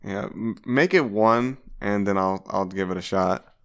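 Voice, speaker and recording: A man's voice: lowish voice, a little slow, fairly bright tone, clean tone. A man co-hosting a TV podcast, making dry teasing remarks in casual chat. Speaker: podcast co-host.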